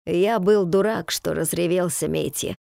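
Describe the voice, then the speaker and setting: A woman voicing a weary, gentle husband who speaks slowly in a low, subdued, halting way. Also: vocal fry, no echo, clean studio sound. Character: weary, soft-spoken husband, gentle, slow.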